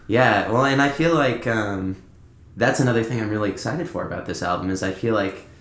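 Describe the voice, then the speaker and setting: Here the musician's fairly low voice takes on a somewhat bright tone, and he talks fairly quickly. As a podcast guest he keeps things casual, rambling through anecdotes and playing out pieces of conversation, all in a roomy indoor space with lots of echo.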